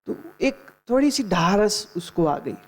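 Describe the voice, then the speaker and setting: Giving a discourse on the Gita, a middle-aged woman spiritual teacher mixes stories with admonishments and drops in English phrases. She speaks at a measured pace in a medium pitch with big pitch swings and a darkish tone.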